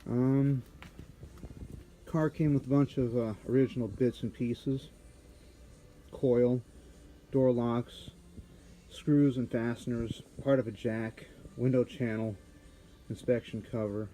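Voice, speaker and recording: Brief: man, muffled respirator voice, mellow tone, casual workshop narration, handheld camera. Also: medium pitch, fairly even intonation, slight background noise. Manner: halting, many fillers while working. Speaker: car restorer. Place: auto body garage.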